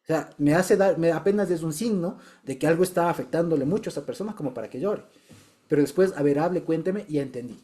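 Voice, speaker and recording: A man's voice: a little high, fast, mellow. A man sharing a personal testimony in a small Bible study group, chatty and repeating himself, often checking that listeners follow.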